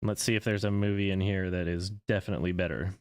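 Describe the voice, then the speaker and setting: A man's voice: deep voice, steady tone, a little mellow. A man in his thirties from Canada, a film critic chatting casually on a live stream with a sarcastic, joking manner. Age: 30s. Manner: sarcastic, quick to joke.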